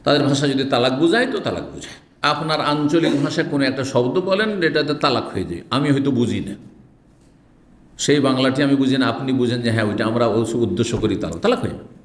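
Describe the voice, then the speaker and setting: A man's voice: medium pitch, expressive, fairly quick. A middle-aged man, an Islamic scholar, giving a hadith lesson. He reads Arabic phrases, explains them, and asks rhetorical questions. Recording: roomy echo.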